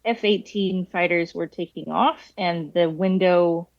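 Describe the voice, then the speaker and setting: Brief: woman podcast guest, slow and animated, a little muffled, dry close sound. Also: on the low side, gravelly, dry recording. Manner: hesitant, with frequent ums and laughs. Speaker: guest cybersecurity commentator. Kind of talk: casual podcast chat.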